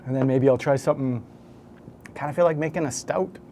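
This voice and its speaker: A man's voice: mid-range voice, fairly quick, warm tone, slight background noise. A man talking casually to the camera as a home brewer, rambling and correcting himself as he goes. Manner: rambling, self-correcting, hesitant.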